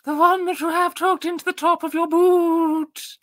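Squeaky falsetto Christmas elf voice. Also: male voice, level tone, moderate pace, a bit bright. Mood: cheeky. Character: squeaky Christmas-elf-voiced young wanderer, cheeky and sly. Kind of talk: character voice in a read-aloud gamebook.

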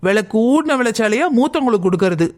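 Male actor as aggrieved young cartoon daughter-in-law; high, complaining, easily offended. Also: animated, darkish tone. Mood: indignant. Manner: complaining, quick to take offence. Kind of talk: cartoon voice acting.

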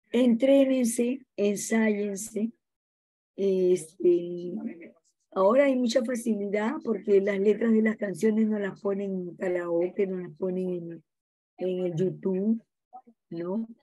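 A middle-aged woman teacher gives an informal class talk. She keeps checking in with her students and fills pauses with small words. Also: mid-range voice, mellow. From Peru. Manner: chatty, checks in with frequent "no?" tags and fillers. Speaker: college teacher.

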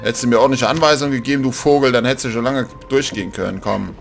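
A man commenting on a horror game in a casual, joking way. He mocks the characters on screen and drops to a hush when his character sneaks. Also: medium pitch, very fast, vocal fry, faint music behind. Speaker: let's play gamer.

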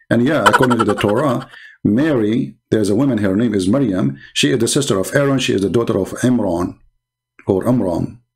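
A man hosting a channel and giving polemical commentary in non-native English, mocking and sarcastic, trading insults. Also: mid-range voice. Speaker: channel host and religious debater.

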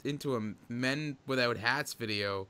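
A man's voice: mid-range voice, measured pace, pushed and bright, smooth. A man co-hosting a casual movie podcast, making dry, sarcastic quips. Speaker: podcast co-host.

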